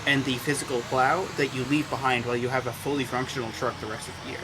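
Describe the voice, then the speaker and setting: Casting: male backseat gamer, average pitch, casually explaining tactics, noticeable game noise behind. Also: flat delivery, fast talker. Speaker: gameplay co-commentator. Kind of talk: casual gameplay chat.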